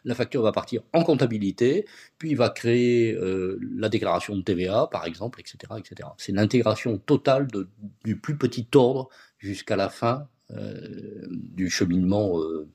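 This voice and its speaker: A man's voice: lowish voice, animated, normal speed, creaky, darkish tone. A man being interviewed as a guest on a podcast, explaining things step by step with concrete examples. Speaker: guest, agency founder.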